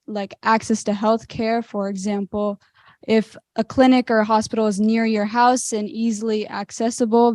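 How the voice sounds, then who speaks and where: A woman's voice: fairly high pitch, darkish tone, no echo, clean studio sound. A teenage girl from Maryland presenting in a student group, talking loosely with many fillers. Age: teens.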